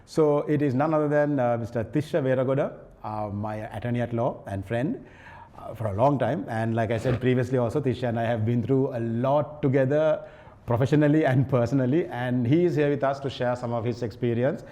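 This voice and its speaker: Fast-talking Sri Lankan male podcast host. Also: medium pitch, dark tone. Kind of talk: conversational interview, switches between English and Sinhala.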